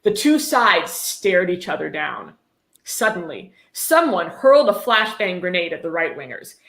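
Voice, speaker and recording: A woman's voice: on the low side, sing-song, unhurried, creaky, fairly bright tone. A woman hosting a casual livestream reading, adding wry, sarcastic and blunt commentary as she goes. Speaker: host reading a book aloud with commentary. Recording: roomy, echoey sound.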